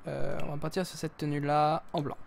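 A man's voice: a little high, little pitch movement, a little fast, creaky. A man giving casual live gameplay commentary as a streamer, playful and self-mocking, with sudden exclamations. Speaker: gaming streamer.

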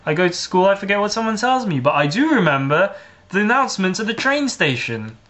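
A man's voice: high-pitched, big pitch swings, fairly quick, fairly bright tone. A teenage boy vlogging a casual, sarcastic comic rant with jumpy swings of emphasis.

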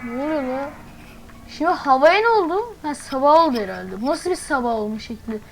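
A woman commenting on her gameplay as she plays, chatty and thinking aloud, with quick startled exclamations. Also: high-pitched, expressive, over loud music, low-quality recording. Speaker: gaming channel host.

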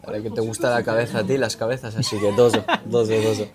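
A man's voice: fairly low pitch, flat delivery, fast talker, a crowd in the background. A young man with an accent from Spain chats casually as a guest. He is frank and squeamish and swears offhandedly. His voice comes through a lapel mic in a small, busy restaurant. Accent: Spanish from Spain. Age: young adult. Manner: candid and easily disgusted, swears casually. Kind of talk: casual chat. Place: small crowded restaurant, indoors.

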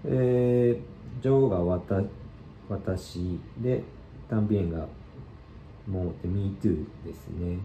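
A man with a low, very dark and mellow voice walks through a language lesson in an easygoing, filler-heavy way. He sounds like he is in an echoey room with a faint hum of ambience behind him. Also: a little slow, long pauses. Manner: relaxed explanatory, many fillers. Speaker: Spanish teacher.

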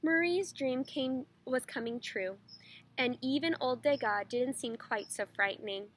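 A woman teacher reading a children's picture book aloud in a clear, expressive way. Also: sits high, measured pace.

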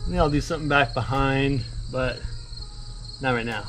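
A man in his thirties chatting casually to the camera while framing a barn outdoors, thinking out loud in a rambling, laid-back way. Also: medium pitch, normal speed, background noise. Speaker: builder vlogger. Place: outdoors at a barn construction site. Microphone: action camera, sometimes head-mounted.

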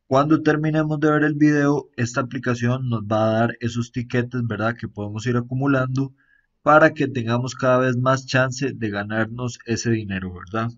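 A man talks at an easy, middling pitch through a screen-recorded app tour. He keeps it relaxed, often tagging sentences with a questioning aside and pausing on fillers. The recording sounds a little dull and muffled. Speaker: app reviewer.

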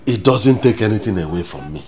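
A man's voice: lowish voice, lively intonation, brisk, a crowd in the background, close to an everyday voice. An actor with a Nigerian accent playing an emphatic husband who lectures his wife with exclamations and questions. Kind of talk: film drama acting.

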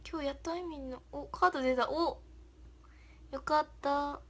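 A woman's voice: high-pitched, fairly even intonation, moderate pace, fairly bright tone. A young woman hosting a casual livestream, reading viewer comments aloud, thanking them, and giggling often. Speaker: idol livestream host.

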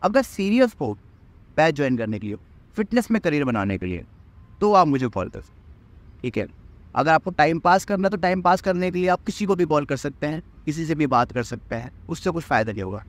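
A man's voice: fairly high pitch, big pitch swings, brisk. A young man in his twenties, a fitness trainer, giving an earnest motivational talk to the camera outdoors in a park, speaking directly to viewers and often restarting phrases. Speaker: fitness trainer and course mentor. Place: outdoors in a park under a tree. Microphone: camera at medium distance.

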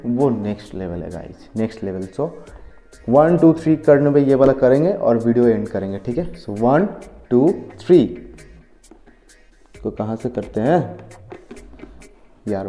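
A young man with a hoarse, coughing voice chats casually to viewers in a motorcycle vlog. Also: on the high side, warm tone. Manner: chatty, addresses viewers as guys. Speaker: motovlogger.

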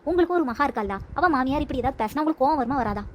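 A sharp-tongued young daughter-in-law who argues back at breakneck speed, played by a woman in a comedy skit. Every retort is quick and argumentative. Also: sits high, lively intonation, slight background noise. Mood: defiant. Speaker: comedy sketch actor.

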